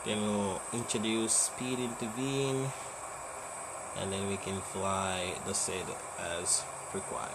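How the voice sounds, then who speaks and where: A man's voice: lowish voice, level tone, takes it slowly. A man giving pilot procedure callouts and casual commentary on a flight simulator. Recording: loud cockpit noise behind the voice. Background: aircraft cabin and engine noise.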